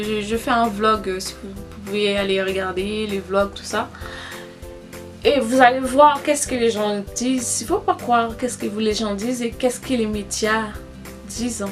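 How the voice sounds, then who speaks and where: A young woman from Haiti talking casually to camera as a vlogger, proud and emphatic, with many fillers and restarts. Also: on the high side.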